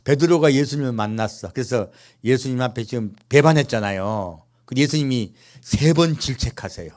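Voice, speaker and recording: A male pastor with a mid-range, slightly mellow voice preaches briskly in church. He poses rhetorical questions to the congregation and slips in playful, humorous asides.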